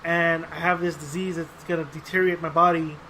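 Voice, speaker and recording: A man whose voice is on the high side speaks at a brisk clip while co-hosting a podcast, chatting casually in a rambling, profane way. He acts out quotes as he tells lively stories. The recording is rough, with slight background noise.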